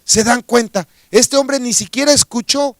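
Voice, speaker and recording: A man's voice: very high-pitched, normal speed, no echo. A man with a Mexican accent preaching a radio sermon, telling a story and asking rhetorical questions of his listeners.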